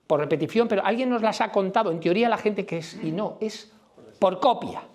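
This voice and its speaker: Speaking to a live audience in a conference room, this middle-aged man from Spain, with a Madrid accent, talks bluntly and colloquially and keeps throwing questions at the crowd. His high-sitting voice is a little mellow, and he speaks fairly quickly.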